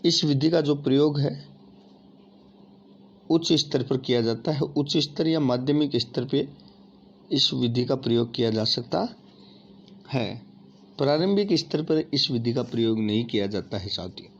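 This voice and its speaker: A man's voice: mid-range voice, unhurried, long pauses. Male teacher, exam-prep lecture, asks and answers himself, dull muffled sound, faint hiss. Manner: addresses listeners as friends, asks and answers his own questions. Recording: dull lo-fi audio with faint noise.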